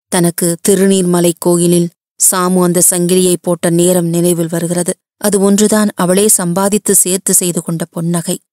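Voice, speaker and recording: A woman reading a novel chapter aloud in a steady, even storytelling voice. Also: on the low side, no room sound, studio quality.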